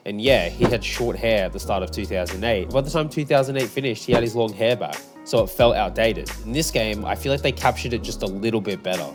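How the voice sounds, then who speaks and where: A man narrating a casual game review as a YouTuber, with relaxed, chatty opinions. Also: lowish voice, brisk, hardly any pauses. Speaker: gaming YouTuber. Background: music.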